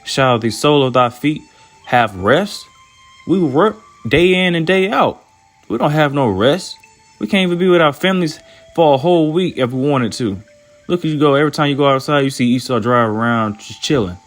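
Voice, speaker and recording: A man's voice: fairly high pitch, a little fast, faint music behind. A man preaching informally and reading scripture aloud, repeating himself, restarting phrases and ending lines with "man" in a slangy, scolding way. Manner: repetitive, stammering restarts, tags "man" onto phrases. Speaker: self-styled preacher.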